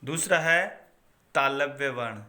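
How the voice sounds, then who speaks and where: A man teaching a Sanskrit phonetics lesson, reciting each grammar rule slowly and then repeating it. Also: mid-range voice, pushed and bright.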